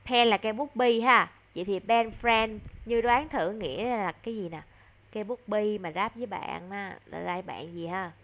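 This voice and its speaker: A woman with a Vietnamese accent tutoring a child in English online, encouraging and slowing down to model English words clearly. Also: medium pitch, dull audio.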